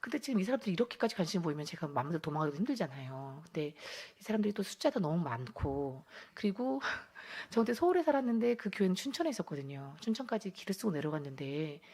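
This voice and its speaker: A woman telling her church testimony as a lively story, laughing often and acting out her own past thoughts. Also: on the low side, quick pace, few pauses, breathy edge. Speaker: testimony speaker. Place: church gathering.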